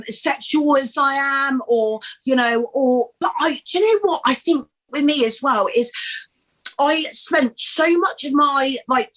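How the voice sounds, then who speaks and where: A woman's voice: sits high, a bit bright, rough recording. A woman in her thirties speaking as a guest in a candid interview, bubbly and outspoken, swearing freely and calling the host "babes". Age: 30s. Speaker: podcast guest.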